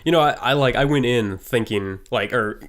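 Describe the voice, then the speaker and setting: A man's voice: medium pitch, normal speed, a bit bright. A man chatting casually as co-host of a podcast. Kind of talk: casual chat.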